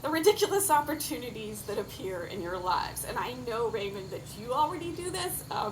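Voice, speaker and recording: A woman officiant giving a wedding speech with deliberate, emphatic phrasing and light humour. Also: fairly high pitch. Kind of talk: wedding ceremony speech with advice. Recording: clear insect and outdoor background noise.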